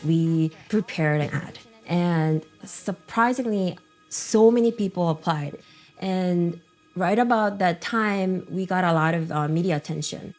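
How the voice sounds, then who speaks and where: A woman from Korea who founded a pop group, speaking in a measured, thoughtful way in an interview. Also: fairly low pitch, darkish tone, faint music behind.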